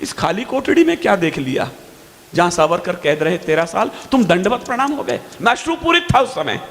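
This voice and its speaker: A man's voice: high voice, sing-song, a little fast, fairly bright tone, in a large hall. A man reciting poetry from a stage at a poetry gathering, fiery and emphatic, stretching out his key lines. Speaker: poet.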